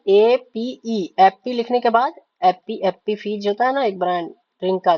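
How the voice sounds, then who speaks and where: Speaking at a medium pitch, this female shorthand teacher gives a step-by-step board lesson in a blend with spoken language, repeating words and spelling letters aloud. She checks in constantly with "ठीक है?" to confirm the class is keeping up, and the audio is a bit dull and lo-fi.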